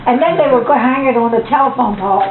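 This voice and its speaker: A very old American woman, a grandmother, telling stories of the past to family in a rambling, folksy, animated way. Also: fairly high pitch, quick pace. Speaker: grandmother sharing memories. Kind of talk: elder telling a story, casual family reminiscence. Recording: tinny, band-limited, echoey, noisy home recording.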